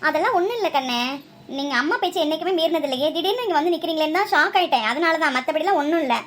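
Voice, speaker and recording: A woman's voice: very high voice, animated. A woman voicing a strict but loving middle-aged mother from Tamil Nadu in a cartoon, who scolds and fusses over her grown sons. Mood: tender. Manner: scolding, quick-tempered, then tender. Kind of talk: cartoon voice acting.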